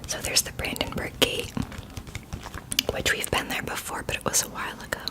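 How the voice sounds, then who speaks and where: A woman in a whispered role-play, chatting as if to a close friend, keeping hushed and quiet at night so nobody wakes. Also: normal speed. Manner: quiet at night, hushed so as not to wake others. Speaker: ASMR performer.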